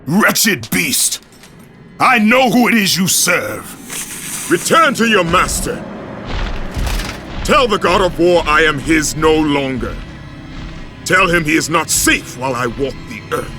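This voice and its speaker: A man's voice: a little high, expressive, takes it slowly, pauses often, pushed and bright, heavily acted. A man playing a fierce, vengeful Spartan warrior in a video game, with an intense, declamatory delivery. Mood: furious, defiant. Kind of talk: dramatic video game acting. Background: orchestral music.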